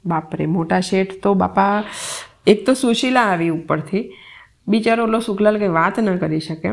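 A woman's voice: mid-range voice, normal speed, creaky. A woman reading a novel aloud, stumbling into restarts and dropping chatty side comments on the story.

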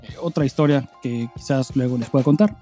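A man with a Mexican accent co-hosts a casual podcast, chatting in loose, sweary slang and reading listener mail. His voice is mid-range and dark in tone, his pace brisk, with faint music in the background.

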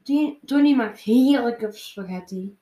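A woman reading a children's picture book aloud, slowly and with small slips and restarts. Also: a little high, mellow, echoey room. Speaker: storybook reader.

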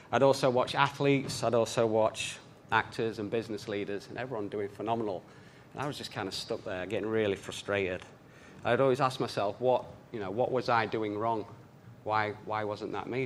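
A man's voice: fairly low pitch, a little hiss or hum. A man, telling a personal story in an earnest way. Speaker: speaker.

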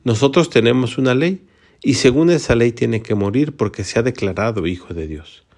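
A man's voice: medium pitch, normal speed, a little mellow, natural voice. A man reading as an insistent accusing crowd. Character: accusing crowd of priests and people.

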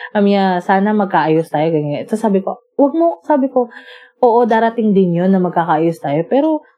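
Woman, casual storyteller, animated and chatty, quotes the argument. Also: medium pitch, moderate pace, dull audio. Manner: animated, quotes both sides of a breakup argument, laughs often. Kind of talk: casual storytelling among friends.

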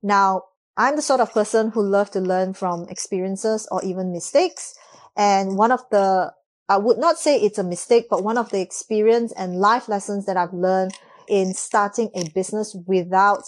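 A woman's voice: medium pitch, moderate pace. A woman in her thirties from Malaysia, hosting her own podcast in an earnest, upbeat monologue that often strings thoughts together with "and so.". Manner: earnest, upbeat, with frequent "and so" and restarts. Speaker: podcast host.

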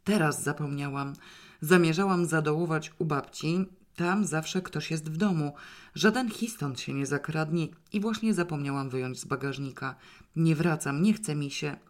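A woman's voice: sits low, normal speed, close to an everyday voice. A woman reading aloud and voicing a blunt, impatient woman friend in an audiobook, close to her own voice. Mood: matter-of-fact. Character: brisk, blunt woman friend, treasure-hunting partner.

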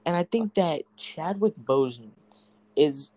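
A teenage boy hosts a casual podcast with friends, his voice sitting a little high. He rambles with lots of fillers and restarts, recorded dry and close with no room sound. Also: animated, a little slow, dark tone, no room sound. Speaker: podcast host.

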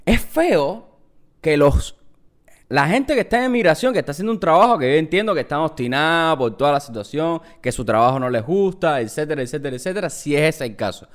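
A man's voice: fairly high pitch, brisk. A man with a Cuban Spanish accent, telling stories in casual podcast chat and acting out the people he quotes. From Cuba. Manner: animated storyteller, acts out quotes with laughter. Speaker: podcast co-host.

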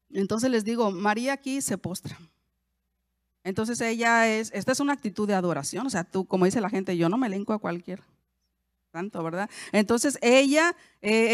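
A woman teaches the Bible to other women in an easy, conversational way. Her pitch sits in a middle range, and she often asks her listeners questions and corrects herself. The recording is dry and close. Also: no room sound. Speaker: Bible teacher, podcast host.

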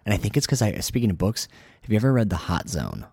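Deep-voiced man, lively and dry-miked. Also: quick pace, slightly rough, no room sound. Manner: animated, joking, swears casually. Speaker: podcast co-host. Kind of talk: casual podcast chat.

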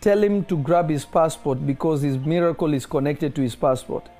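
A man speaks in a declaring prophetic manner, with a somewhat high pitch and a warm, relaxed timbre. He keeps pressing whether the listener is following. Faint music plays beneath his words. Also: normal speed. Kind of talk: prophetic ministry over a phone call.

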